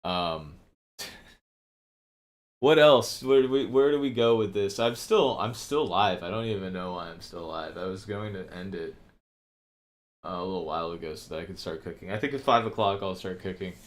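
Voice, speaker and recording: A man's voice: low-pitched, moderate pace. A man hosting a casual livestream, rambling from topic to topic, swearing often and laughing a lot. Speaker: livestream host.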